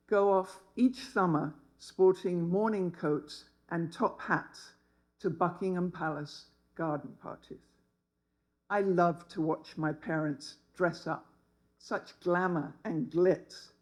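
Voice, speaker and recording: A woman's voice: lowish voice, a little mellow, rough recording. A woman, telling a personal story to an audience in a wry, humorous way. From England. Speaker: speaker.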